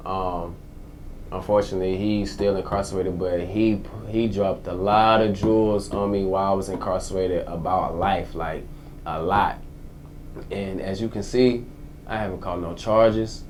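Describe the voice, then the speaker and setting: Twenties male interview guest, casual and slangy, low-pitched voice. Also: a little mellow, a little hiss or hum. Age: 20s. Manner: casual, slangy, repeats phrases. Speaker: guest, formerly incarcerated entrepreneur.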